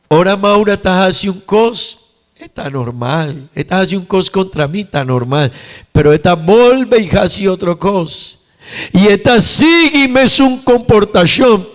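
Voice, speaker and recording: A man with an Aruban accent, a pastor preaching a sermon in a church, repeating his points with emphasis and rising in volume on key lines. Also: sits high. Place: church sanctuary.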